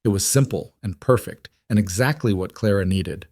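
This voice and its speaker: Male storyteller, low and steady, measured read, dry recording. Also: dry recording. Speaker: narrator. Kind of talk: scripted narration of fiction.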